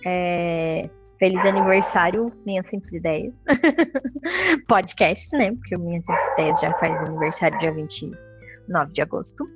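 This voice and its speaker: A woman's voice: lowish voice, sing-song, measured pace, lo-fi sound, over music. A woman hosting a solo podcast, talking in a casual, reflective way with many fillers. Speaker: podcast host.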